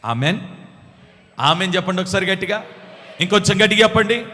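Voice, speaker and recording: A man preaching a sermon as pastor, emphatic, urging the congregation to answer back louder. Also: high voice, lively intonation, fairly quick. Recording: long hall reverb.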